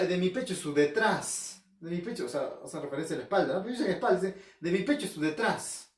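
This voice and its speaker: A male teacher with a Peruvian Arequipa accent talks high and swings his pitch widely. He keeps posing questions to himself and hammering home key terms. The sound is roomy and echoey, with his voice coming from well away from the mic. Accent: Peruvian Spanish, Arequipa. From Peru. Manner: asks himself questions and answers them, repeats key terms, checks in with "¿ya?". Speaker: school language teacher. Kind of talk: recorded home-learning class. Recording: roomy echo, voice from far off the mic.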